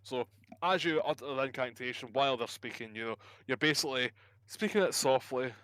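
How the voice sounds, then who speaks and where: A man's voice: mid-range voice, brisk, a bit bright, no echo. A man narrating as game master of a tabletop role-playing game, easygoing and rambling, with frequent fillers and restarts.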